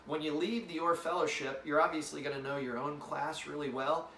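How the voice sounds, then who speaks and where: A man's voice: medium pitch, fairly bright tone, slight background noise. A man leading a fellowship, giving an informal, rambling address to an incoming class, with many fillers and restarts. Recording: roomy, distant mic with faint ambience.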